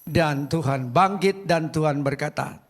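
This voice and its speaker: A man preaching from the pulpit in a high voice and at a slow, deliberate pace. He delivers his sermon in short emphatic phrases, repeats himself for weight and leaves pauses for an interpreter. The service is streamed live from a church. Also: a bit bright, faint music behind. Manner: emphatic, repeating phrases, pausing between words. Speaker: pastor.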